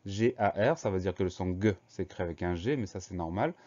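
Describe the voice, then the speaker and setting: A man with a low, warm, mellow voice leads a spelling lesson. He breaks each word into syllables and spells it out slowly, letter by letter. The recording sounds a little dull and lo-fi. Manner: slow, spells words letter by letter. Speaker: teacher.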